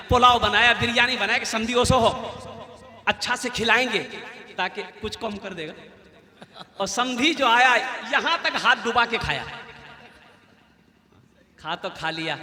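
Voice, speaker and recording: A man's voice: high-pitched, sharp tone. A man with a Bengali-tinged Kolkata accent preaching a religious sermon, firing questions at the crowd and calling on them to answer. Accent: Kolkata Bengali-tinged Hindi. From Kolkata, India. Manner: rhetorical, questions and goads the crowd. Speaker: Islamic preacher. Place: religious gathering on a stage. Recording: echoey hall with long reverb.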